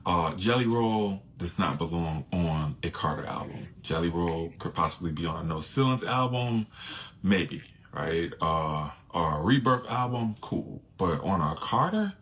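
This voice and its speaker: A man from giving a measured casual review, with frequent filler sounds. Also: deep voice, animated, a bit bright, slight background noise. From Louisiana.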